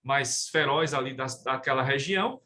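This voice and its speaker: A man's voice: medium pitch, moderate pace. A man with a Brazilian Portuguese accent giving a recorded law lecture to his class, explaining steadily and often tagging sentences with a questioning "né?". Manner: steady explaining tone with frequent "né?" tags. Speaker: law professor.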